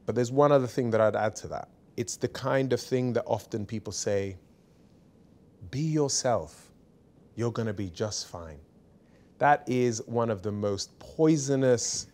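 A man in his forties, a barrister, speaking candidly and emphatically as an interview guest in a small studio. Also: fairly low pitch. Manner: emphatic, candid, lively anecdotes. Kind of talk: seated conversational interview. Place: small bright studio set.

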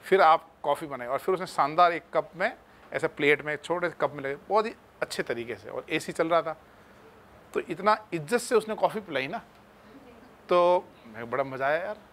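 Speaking at a moderate pace with lively intonation, this man has a fairly high, fairly bright voice and teaches chemistry in an easygoing, chatty way, addressing students as friends. It's casual classroom talk with a touch of hiss or hum.

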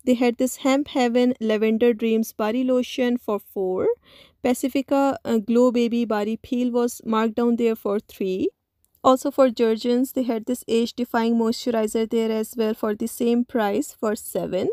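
A woman narrating a store shopping video in a voice-over, speaking slowly. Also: a little high, steady tone, mellow, no room sound, studio quality. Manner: slow, listy, with many "uh" pauses. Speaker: shopping vlogger.

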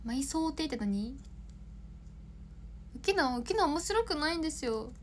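A woman's voice: high voice, lively intonation, measured pace, slight background noise. A young woman in her twenties, an idol chatting casually on a livestream, rambling, laughing often and answering viewer comments.

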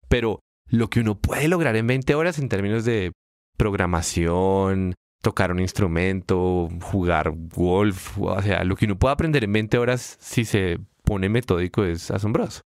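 A man co-hosting a casual podcast, explaining ideas with emphatic rises in pitch. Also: no room sound, clean studio sound. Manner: explanatory, animated pitch jumps when stressing points. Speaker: podcast co-host.

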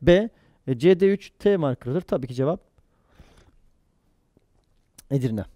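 High-voiced male lecturer, quizzing style. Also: no room sound. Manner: quizzing, answers own questions quickly; lively, jokey asides with mnemonics. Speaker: pathology lecturer. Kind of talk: exam-prep lecture.

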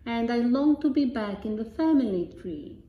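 A woman's voice: fairly high pitch, lively intonation, normal speed, echoey room, muffled recording, close to an everyday voice. A woman voicing an earnest, homesick little stick father who chants his refrain. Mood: insistent.

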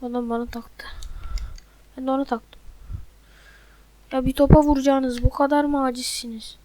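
A woman giving gameplay commentary into a desk microphone, exasperated and loudly mocking her teammates. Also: high-pitched, little pitch movement, moderate pace, slight background noise, rough recording. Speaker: gamer.

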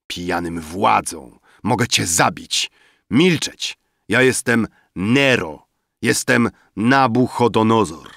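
An actor playing a drunken young man who shouts and boasts wildly about his sudden wealth in an audiobook reading. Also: on the low side, animated, slow pace, creaky, no room sound, clean studio sound, pitched above the performer's own voice, full character voice. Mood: grandiose.

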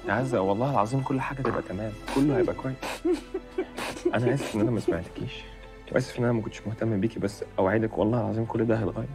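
A man's voice: on the low side, fairly even intonation, racing, close to an everyday voice. An actor playing a devoted brother who comforts his grieving sister with an Egyptian accent, soothing and swearing oaths. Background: music score.

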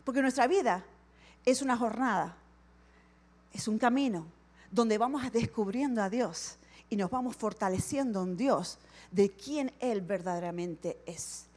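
A woman pastor giving an animated sermon at a church service, acting out short dialogues as she preaches. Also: on the high side, a little slow.

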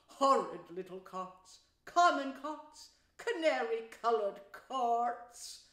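A woman plays a rapturous, vain toad gentleman from a storybook. He swoops high and stretches his words out slowly, lost in dreamy exclamation, in an echoey room. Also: expressive. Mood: rapturous, boastful. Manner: swooning, drawn-out exclamations.

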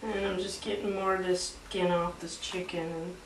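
Speaking at normal speed in a fairly low, flat voice, this home cooking vlogger is a young woman giving a casual demo indoors in her kitchen. She's chatty and makes joking asides to the camera. Captured by a camera mic a few feet off, the recording is noisy with kitchen echo.

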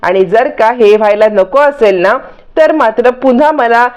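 A woman's voice: on the high side, measured pace, darkish tone, dull audio, lightly acted. A woman voicing a scheming, overconfident young woman who threatens everyone, in a taunting way. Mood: threatening.

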